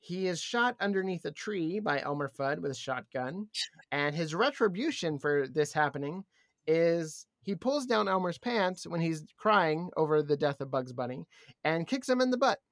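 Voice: medium pitch, expressive, moderate pace, no room sound, clean studio sound. An enthusiastic podcast co-host chatting casually and explaining cartoon history.

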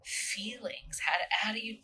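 A woman's voice: on the high side, a little slow, bright, forceful tone, low-quality recording. A woman hosting a podcast interview, asking questions in an encouraging way. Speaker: podcast host.

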